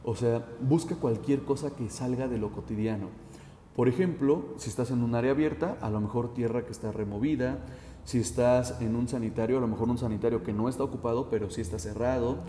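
A man who is a safety instructor, giving a direct, instructive talk to the listener, often pausing on 'eh'. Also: medium pitch, warm tone, slight background noise. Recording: roomy with long reverb.

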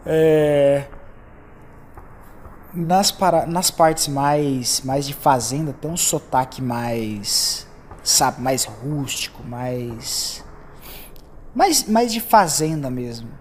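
A man's voice: mid-range voice, expressive, extremely slow, long pauses, slight background noise. A young Brazilian man with a Brazilian accent, hosting a solo podcast and chatting loosely as he drifts from topic to topic. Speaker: podcast host. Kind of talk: casual solo podcast chat.

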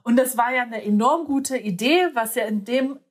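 A woman's voice: a little high, moderate pace. A young woman chatting casually, hesitating often with fillers and restarts. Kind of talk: casual chat.

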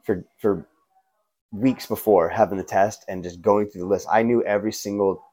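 Bro-talking man, casual and low-pitched. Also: steady tone, moderate pace, warm tone. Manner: laid-back frat-bro slang, peppered with "man", "bro" and "you know". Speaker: guest, martial arts instructor and skateboarder. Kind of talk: casual chat, telling stories.

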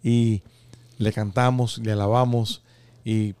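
A man's voice: lowish voice, level tone, slow pace, darkish tone, clear, resonant tone. A man hosting a radio programme in a casual, conversational style. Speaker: radio show host. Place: radio studio. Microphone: studio microphone.

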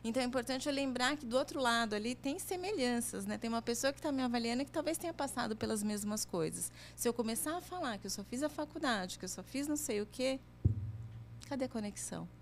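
A woman's voice: on the high side, expressive, fast, slight background noise. A woman career coach explaining things in a chatty way, often ending phrases with tag questions. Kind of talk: conversational advice chat.

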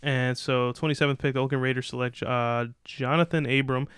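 A man's voice: mid-range voice, steady tone, brisk, a bit bright, smooth, no echo. A man co-hosting a casual sports podcast, reading out draft picks and giving loose, opinionated takes. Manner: opinionated, loose, reads out picks then riffs. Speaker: podcast co-host.

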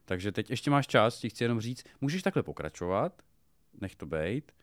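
A man's voice: fairly low pitch, sing-song, no room sound, studio quality. A man co-hosting a podcast about fatherhood, blunt and swearing while he tells anecdotes. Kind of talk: casual chat.

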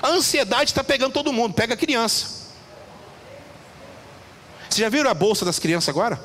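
A man preaching a lively sermon to a congregation, asking questions and acting out little voices. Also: extremely high pitch, a little fast, a little hiss or hum. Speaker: pastor. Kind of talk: lively sermon with audience interaction. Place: church hall. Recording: reverberant church hall, faint ambience.

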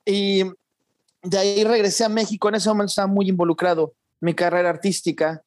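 A man, a guest in an interview, speaking in a reflective, measured way with some restarts. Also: sits high, little pitch movement, no echo, studio quality. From born in Argentina, raised in Mexico. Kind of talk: conversational interview.

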